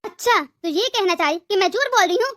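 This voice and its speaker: A woman's voice: very high voice, expressive, fairly quick, a bit bright. A woman voicing a harsh, bossy mother-in-law in a cartoon story, berating her daughter-in-law. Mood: scolding. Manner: scolding, berating.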